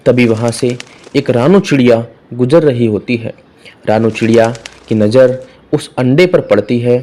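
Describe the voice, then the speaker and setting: A male narrator reads a children's tale as scripted storytelling. His timbre is soft and dark, and his pitch sits in the middle.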